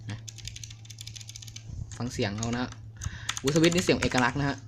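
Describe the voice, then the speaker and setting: A young man casually reviewing a mechanical keyboard, chatty and excitable, a little crude. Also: medium pitch, unhurried, noisy background. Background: clicky keyboard typing.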